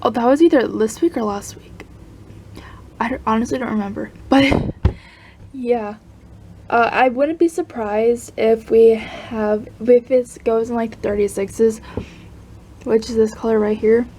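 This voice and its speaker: A woman chatting casually about her crochet project, rambling and laughing softly between thoughts. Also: a little high, steady tone, measured pace, slight background noise. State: hiccups. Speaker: crochet vlogger. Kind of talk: casual chat.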